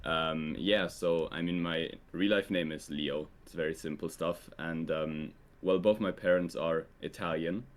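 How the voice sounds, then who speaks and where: Deep-voiced young man, hesitant. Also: measured pace, hardly any pauses. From Switzerland. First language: Swiss German. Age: young adult. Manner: relaxed, hesitant, heavy use of "like" and "um". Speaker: guest. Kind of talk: casual conversation.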